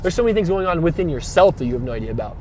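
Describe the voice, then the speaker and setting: Guy ranting about spiritual stuff, kinda high voice, swears a lot, keeps repeating himself, faint traffic hiss behind. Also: sing-song, rapid-fire, warm tone. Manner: rambling and repetitive, slangy, swears freely; preachy, emphatic, asks rhetorical questions. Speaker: spiritual vlogger. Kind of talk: casual spiritual monologue.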